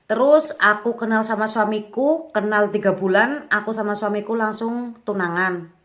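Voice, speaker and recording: A woman's voice: mid-range voice, moderate pace, a bit bright. A young woman in her twenties telling her own life story in a candid, chatty way with lots of casual fillers. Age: 20s. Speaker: young mother vlogger.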